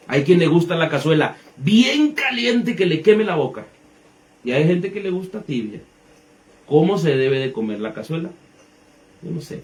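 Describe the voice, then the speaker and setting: This pastor, a man in his thirties with a fairly high voice, teaches the Bible in a conversational way. He explains through rhetorical questions and everyday examples.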